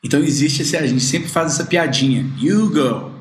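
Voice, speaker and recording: A man teaching an online English lesson, slowly drilling English phrases. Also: reverberant, a little hiss or hum. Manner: slow, drawn-out drilling of English phrases, lively pitch.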